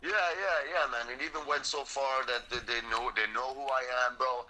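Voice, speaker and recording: Intense, forceful young man from Sweden. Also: medium pitch, steady tone, normal speed, rough recording. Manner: intense, blunt and profane, peppers speech with "man" and "bro". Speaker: guest, frontline militia fighter. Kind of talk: impassioned interview talk.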